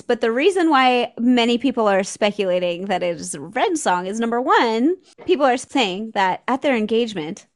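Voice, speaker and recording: A woman in her thirties co-hosting a casual pop-culture podcast, talking in an animated, gossipy way and swearing freely. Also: on the high side. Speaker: podcast co-host.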